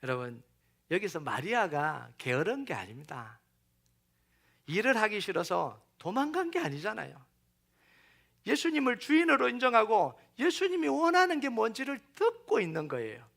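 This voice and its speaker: A middle-aged man preaching a sermon as pastor, animated, acting out quoted voices and sinking to near-whispers. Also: sits high, normal speed, gravelly.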